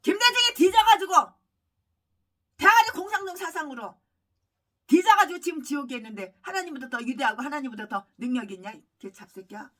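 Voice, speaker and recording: A woman pastor delivering a furious, abusive sermon, swinging between shouting and low muttering. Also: lively intonation, fairly quick, far from the mic. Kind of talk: ranting sermon.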